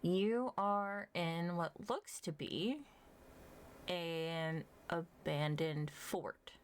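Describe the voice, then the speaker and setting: A woman narrating as game master of a tabletop game, casual and chatty, quick to laugh. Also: lowish voice, a little hiss or hum.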